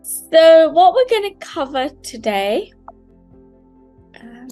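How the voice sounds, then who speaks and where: A woman's voice: very high voice, very animated, slow, mellow, faint music behind. A woman in her fifties from Kenya, a mindset coach giving an upbeat, chatty online seminar over a video call. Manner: upbeat, chatty, loose phrasing.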